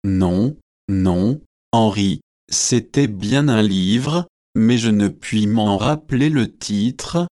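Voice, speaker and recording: A man's voice: lowish voice, drawn-out words, warm tone, no room sound, clean studio sound. A man reading the part of a chatty, forgetful young newly married woman in an audiobook, with gushing, eager speech.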